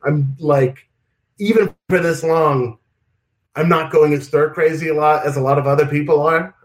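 A man with a New York accent talks in a loose, rambling way, full of fillers and restarts. His voice sits a little high. The room around him is noticeably echoey. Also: steady tone, moderate pace. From Oregon. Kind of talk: casual remote chat.

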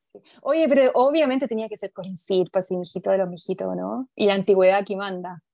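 A woman's voice: mid-range voice, fast talker, creaky, dark tone, no room sound. A Chilean woman co-hosting an award-style podcast segment, chatty and playful with frequent giggles. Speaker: podcast co-host. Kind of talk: casual chat.

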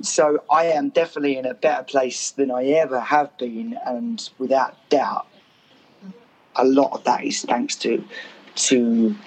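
A man speaking as a guest author in a podcast interview, his voice croaky from performing, hesitant and full of ums and repeated words. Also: mid-range voice, low-quality recording. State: croaky voice after a gig. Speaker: guest, author and working musician.

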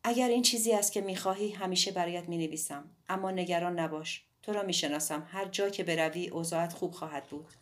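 A quiet, sincere young man speaks softly in an audiobook, voiced by a woman reader. His delivery is subdued and sits low. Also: close to an everyday voice. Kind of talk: audiobook dialogue.

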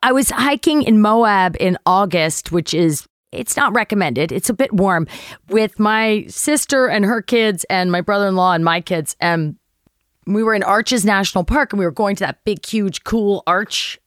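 A middle-aged woman recounts a story as a guest, lively and expressive, leaping high in pitch when she imitates other people. Her voice sits mid-range and sounds close and dry, with no room around it. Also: moderate pace, no echo. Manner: animated, jumps high when acting out others' lines. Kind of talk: casual storytelling anecdote.

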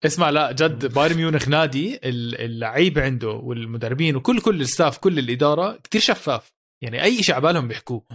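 A man's voice: mid-range voice, expressive, rapid-fire, fairly bright tone. A man with a Levantine Arabic accent co-hosting a football podcast, telling stories in casual colloquial chat and repeating phrases for emphasis.

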